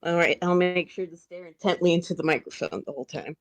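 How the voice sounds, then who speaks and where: A woman on a laggy group voice chat, low-voiced. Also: quick pace. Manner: joking, easygoing. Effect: online group voice chat, cheap laptop mic with dipping volume. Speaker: tabletop roleplaying player. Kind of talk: casual game chat over voice call. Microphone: laptop microphone.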